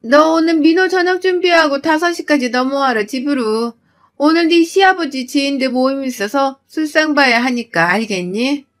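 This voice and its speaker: A woman voicing a harsh, bossy middle-aged mother-in-law who scolds and insults in a shrill, loud voice. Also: normal speed, lightly acted.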